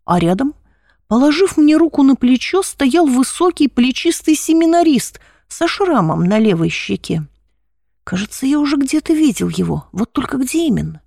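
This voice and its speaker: A woman reading a first-person story aloud in a measured, expressive way. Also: high-pitched, gravelly, no room sound, clean studio sound.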